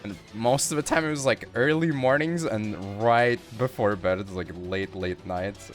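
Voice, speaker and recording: A man's voice: lowish voice, measured pace, soft background music. A man streaming live, chatting casually and playfully with viewers in a rambling way.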